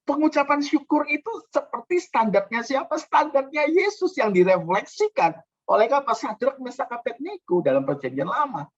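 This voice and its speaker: A man preaching a sermon as a pastor, emphatic, swinging between loud, high outbursts and hushed, low passages, often calling the listeners "saudara". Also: very animated, moderate pace, highs cut off.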